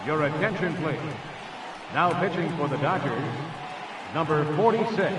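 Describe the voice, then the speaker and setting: An actor playing a male stadium announcer heard through loudspeakers, slowly drawing out names and positions. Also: on the high side, expressive. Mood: formal. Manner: slow, drawn-out calls of names and positions. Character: male ballpark announcer, formal and booming. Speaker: stadium public address announcer. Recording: echoey stadium loudspeaker from far off, crowd noise.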